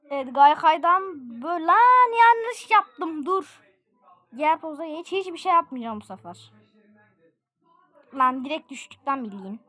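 Excitable high, bright-voiced woman gamer. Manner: excitable, laughing, shouting exclamations. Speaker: gaming video creator. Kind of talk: live gameplay commentary.

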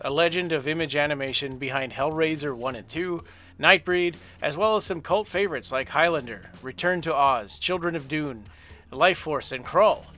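A man's voice: a little high, bright, forceful tone. A man reading a scripted podcast intro and sponsor message. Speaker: podcast announcer.

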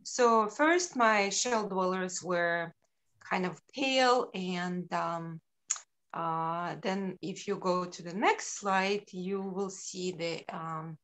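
Over a video call, a middle-aged Ukrainian woman presents her sculptures, speaking slowly and haltingly with many ums. Her voice is lowish and fairly bright in tone.

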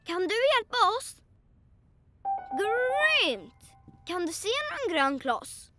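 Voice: extremely high pitch, huge pitch swings, exaggerated voice. A child dubbing a curious, cheerful four-year-old tiger boy in a children's cartoon, eagerly asking the viewer questions. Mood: excited. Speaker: lead cartoon character. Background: children's music.

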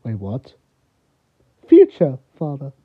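A woman's voice: very deep voice, wildly swooping pitch, slow, husky, phone-quality sound. A woman acting out a toy story in a chatty way, talking over the other player. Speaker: toy show performer.

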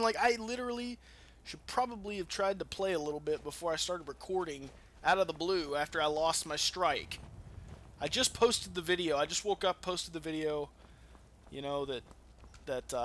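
A man with a fairly high, sharp-toned voice hosts a let's play gameplay video, giving casual, rambling, profane commentary over video game ambience.

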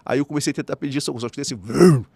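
Fast-talking Brazilian man telling a story. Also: mid-range voice, gravelly, husky, no echo. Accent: Brazilian Portuguese. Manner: rapid, animated storytelling with frequent "né" and "cara". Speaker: podcast guest. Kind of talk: storytelling in a podcast conversation.

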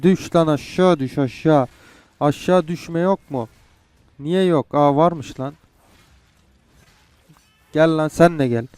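A man's voice: on the high side, slow pace, pauses often, a little mellow, clear, resonant tone, no room sound. A young man playing a game and commenting, frustrated and swearing as he goes. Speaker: gamer. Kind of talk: gameplay commentary.

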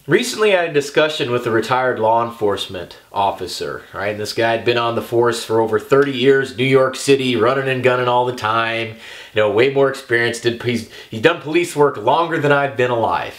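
A man's voice: mid-range voice, expressive, fairly quick. A young man giving an emphatic talk straight to the camera as a firearms instructor, checking in often with "okay" and "all right".

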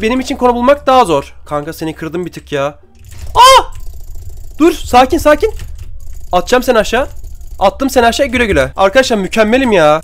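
Young guy gaming, high voice, talks super fast, trash talks other players, keyboard clicking in the background. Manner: chatty, trash-talking opponents, excitable outbursts. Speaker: gaming YouTuber. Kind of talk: casual gameplay commentary. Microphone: desk microphone, keyboard and mouse clicks.

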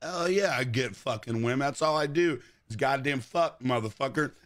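A man livestreaming game commentary in a brash, animated frat-bro manner, swearing constantly and exclaiming. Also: mid-range voice, normal speed. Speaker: video game livestream host. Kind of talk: livestream gaming chat and commentary.

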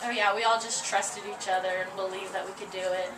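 A woman's voice: mid-range voice, steady tone, brisk. Young woman player, short answers. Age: 20s. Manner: brief, simple answers. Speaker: college softball player. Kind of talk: postgame interview. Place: small wooden press box at a ballfield. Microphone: headset mic. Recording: echoey, distant, noisy outdoor ambience.

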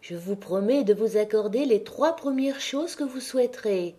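A woman voicing a graceful fairy who speaks slowly in a measured, warning tone. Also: fairly high pitch, animated, dark tone, husky. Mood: solemn. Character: graceful female fairy, solemn and mysterious.

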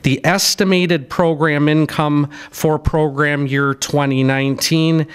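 A middle-aged man reads out grant figures at a podium mic in a council chamber. His voice sits a bit high and sounds smooth and clear. He steps through the numbers with small fillers and restarts. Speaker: city staff presenter. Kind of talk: reading a public hearing briefing. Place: city council chamber, indoors. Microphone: podium microphone.

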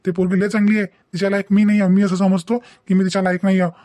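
For a comic family drama cartoon dub, a man plays an indignant, principled young adult son lecturing his mother emphatically in a Vidarbha Maharashtrian dialect. His high, mellow voice is fast and flat, lightly acted, with no echo.

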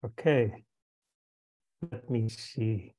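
Mellow-voiced man. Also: on the low side, drawn-out words. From Netherlands. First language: Dutch. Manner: hesitant, with fillers. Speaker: presenter. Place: hotel room.

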